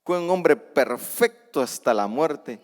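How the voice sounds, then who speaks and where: Male preacher, fairly high voice, fervent sermon with quiet scripture readings and loud emphatic peaks, recorded with long reverb in a church hall. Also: expressive, takes it slowly. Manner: conversational asides with self-corrections. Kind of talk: Spanish-language sermon reading and explaining scripture. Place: church sanctuary.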